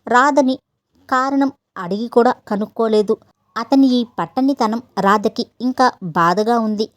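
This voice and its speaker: A woman storyteller giving a steady, expressive scripted narration of a story. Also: a little high, a little slow, no room sound.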